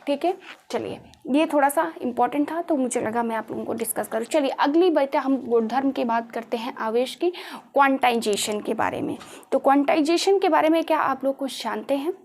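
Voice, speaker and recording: A woman's voice: sits high, brisk, a little mellow, slight background noise. A woman teaching a class, who keeps asking her students questions and repeating the key terms. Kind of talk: classroom lecture. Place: classroom with a board.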